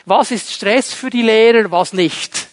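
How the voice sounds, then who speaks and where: A man preaching a sermon. He swings between loud and quiet, speaks straight to his listeners and slips in humorous asides. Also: sits high, unhurried. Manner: dramatic shifts between loud and quiet, addresses listeners directly.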